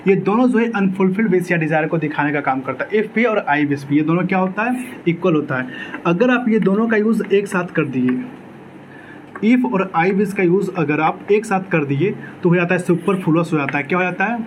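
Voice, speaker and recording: A man's voice: sits high, expressive, moderate pace, a little hiss or hum, rough recording. A man teaching an exam-prep English grammar lecture, asking his own questions and answering them, repeating key words.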